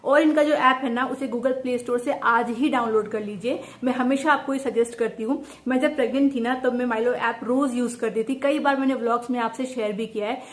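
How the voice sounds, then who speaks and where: A young woman chatting casually in a home vlog, talking quickly and fluently. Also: a little high, fairly even intonation. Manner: chatty and quick, mimics others' speech. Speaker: vlogger. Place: indoor home. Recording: echoey room, faint background noise.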